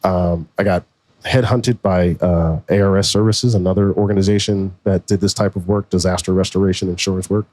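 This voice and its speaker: A man in his forties, a podcast co-host, telling his story in a relaxed, slangy way. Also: sits low, fairly quick, no room sound. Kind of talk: casual conversation.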